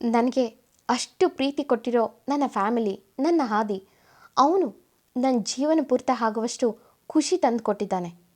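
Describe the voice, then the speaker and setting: Woman reading as young wife, teary but stubborn, fierce, high voice. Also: animated, normal speed, darkish tone. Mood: resolute. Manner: tearful, then angry and firm.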